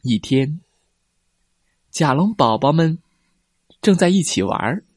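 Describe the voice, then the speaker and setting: A man reads a children's story in a slow, gentle pace with a lively, swooping voice that sits a little high. The sound is dry and close, with no room around it. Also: husky, no echo.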